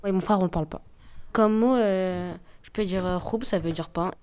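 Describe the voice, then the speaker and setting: A woman's voice: medium pitch, normal speed, warm tone, smooth. A woman speaking hesitantly about the languages at home, with many fillers. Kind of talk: personal testimony.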